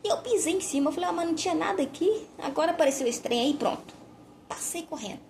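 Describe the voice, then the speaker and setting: A woman's voice: very high-pitched, expressive, fast talker, a little mellow, a little hiss or hum. A woman giving a fervent, emotional religious testimony.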